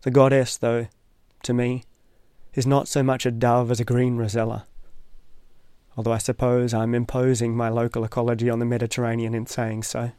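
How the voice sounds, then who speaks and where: Smooth, even-toned male narrator. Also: medium pitch, no room sound. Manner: measured and thoughtful, with dry wry asides. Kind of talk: reflective essay narration.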